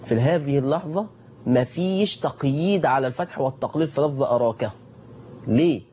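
A man with an Egyptian Arabic accent leads a Quran recitation lesson. He keeps asking his class questions and answering them himself, and he repeats each rule. His voice is mellow and dark, and the recording is dull with a faint hiss. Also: medium pitch, fairly quick. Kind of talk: tajweed lesson.

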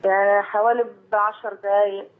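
A woman in her forties with an Egyptian accent calls in by phone, her voice tinny over the line. Mid-range, with little pitch movement and a fairly quick pace, she rambles and repeats herself anxiously in this call-in conversation.

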